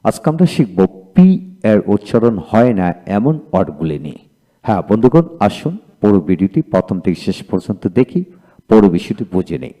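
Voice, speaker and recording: A man's voice: lowish voice, very animated, brisk, warm tone. A man teaching a spoken English lesson, saying each word twice and spelling it out letter by letter.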